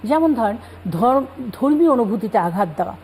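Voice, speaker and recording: Woman guest scholar, calm explanatory delivery, relaxed tone, light background hiss. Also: on the high side, moderate pace, low-quality recording. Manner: calm explanatory, cites scripture. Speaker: religious guest speaker. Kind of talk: Islamic talk show explanation.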